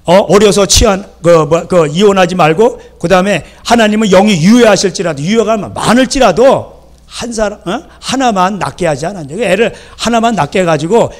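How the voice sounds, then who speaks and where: A male pastor delivers a sermon, his voice sitting high for a man. He talks in a lively, conversational way and often stops to check that the congregation is following. Now and then he slips into acting out a stern parent. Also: moderate pace. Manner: lively, acts out scolding parents. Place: church sanctuary.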